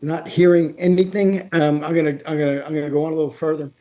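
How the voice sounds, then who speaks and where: A man giving an informal technical talk over a remote call, halting, with many restarts and fillers. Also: fairly high pitch, little pitch movement, warm tone. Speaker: guest speaker on aviation technology. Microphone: remote video call.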